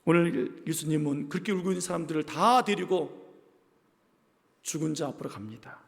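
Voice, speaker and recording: A male pastor preaching a Sunday sermon, pressing his congregation with rhetorical questions and swinging from loud exhortation to quiet asides. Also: on the high side, normal speed, vocal fry. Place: church sanctuary. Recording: church hall with long reverb.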